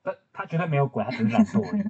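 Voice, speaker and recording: Fast talking guy, raspy, teasing his cohost, muffled lo-fi audio. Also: on the high side, very animated, warm tone. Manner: teasing, quick interjections. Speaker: podcast co-host. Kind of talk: casual chat. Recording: dull lo-fi podcast audio.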